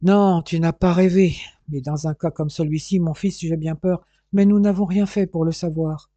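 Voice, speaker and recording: A man's voice: on the high side, fairly even intonation, normal speed, mellow, dry recording, muffled recording, close to an everyday voice. A man voicing an anxious, stern but loving father who gives urgent orders. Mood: gentle. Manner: urgent, commanding.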